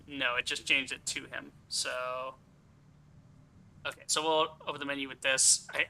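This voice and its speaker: Male game streamer, casual and profane, rambling commentary, very sharp bright tone, a bit higher pitched. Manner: rambling, thinking aloud.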